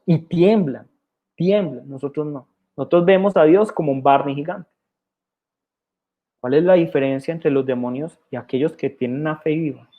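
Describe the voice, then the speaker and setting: A pastor with a Colombian accent preaching a sermon, repeating key phrases and posing rhetorical questions. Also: male voice, mid-range voice, phone-quality sound. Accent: Colombian Spanish. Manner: emphatic repetition and rhetorical questions.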